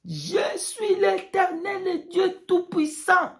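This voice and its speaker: A woman voicing almighty God speaking from a rock in a vision, solemnly proclaiming with drawn-out words. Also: very high voice, very animated, gravelly, voice pushed up, heavily acted. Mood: solemn, commanding.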